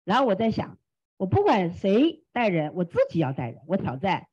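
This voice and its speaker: Husky, animated woman giving a motivational testimony. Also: medium pitch, normal speed. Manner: animated, exclamatory, acts out quoted dialogue. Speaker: team leader sharing experience. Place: classroom. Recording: dull lo-fi room recording.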